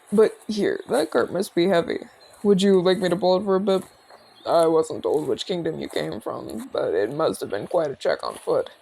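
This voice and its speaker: In an intimate ASMR roleplay spoken directly to the listener, a man plays a genial retired orc general, a male border commander who is calm and inquisitive. His voice is creaky and gravelly with a darkish tone, his pitch roaming widely as he chats in a measured, courteous, curious way. The performance is heavily acted and the audio is poor.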